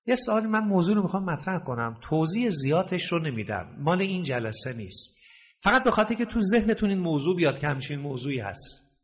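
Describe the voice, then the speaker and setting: Man preaching in a long-echoing hall. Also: sing-song. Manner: swings between loud emphatic peaks and low hushed storytelling; slows and stretches quoted verses. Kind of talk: sermon.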